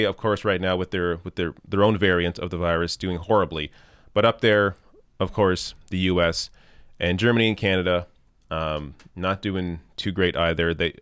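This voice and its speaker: A man with a fairly low voice hosts a political commentary show. He speaks off the cuff to his viewers, earnest and opinionated, pressing his points with emphasis. The sound is fairly dry and close. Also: a bit bright, clear, resonant tone, no room sound. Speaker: host of a news commentary show.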